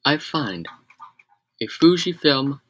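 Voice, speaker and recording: A man's voice: medium pitch, very animated, slow, background noise. A man rambling on a casual live stream, correcting himself and adding sarcastic asides.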